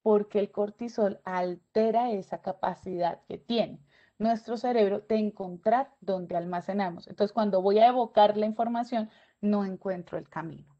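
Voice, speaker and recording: A woman giving an animated webinar lecture, often stopping to check in with her audience. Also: mid-range voice, normal speed. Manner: animated, asks checking questions, acts out student voices. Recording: dull lo-fi webinar audio.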